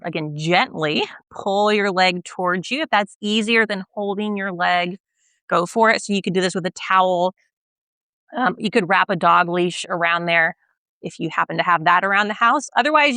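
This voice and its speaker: Woman stretch instructor, bright voice, dry close sound, gentle, a bit breathless. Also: mid-range voice, no room sound. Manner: gentle, patient, checks in with "all right?". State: slightly out of breath while stretching. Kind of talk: guided exercise instruction.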